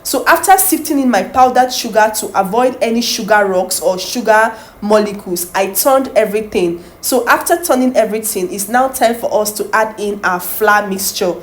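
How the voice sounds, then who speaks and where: A woman's voice: medium pitch, moderate pace, hardly any pauses. A woman hosting a baking tutorial as a voice-over, talking viewers through each step and often checking whether they understand. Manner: friendly, repetitive, asks viewers "do you understand?". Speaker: baking channel host.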